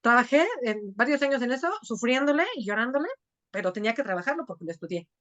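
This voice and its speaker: A woman's voice: fairly high pitch, lively intonation, fairly bright tone, highs cut off, a little hiss or hum. A woman, a coach telling her own story in an online class, earnest and full of "o sea" asides. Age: 40s. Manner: earnest, talks fast, many "o sea" asides. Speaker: coach leading an online women's group. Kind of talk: live online class with personal testimony.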